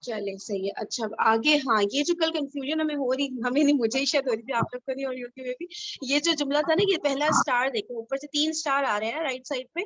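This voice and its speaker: A woman's voice: high-pitched, a bit bright, no room sound, lo-fi sound. A woman from Pakistan leading an online Arabic grammar study group, explaining patiently and often checking that everyone understands.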